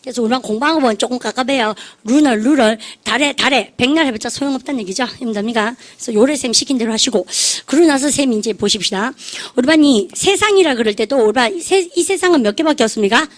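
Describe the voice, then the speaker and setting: Woman English teacher, slightly high voice, chatty classroom lecturer who drills students. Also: lively intonation, fast talker, few pauses. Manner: chatty, drills students with call-and-response, laughs at own jokes.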